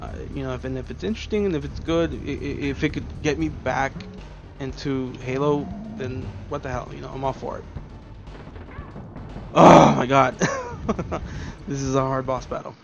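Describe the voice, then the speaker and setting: A man's voice: medium pitch, steady tone, brisk, highs cut off, over music. A man hosting a let's play, rambling and swearing freely as he gets frustrated with the game. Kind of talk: casual gameplay commentary.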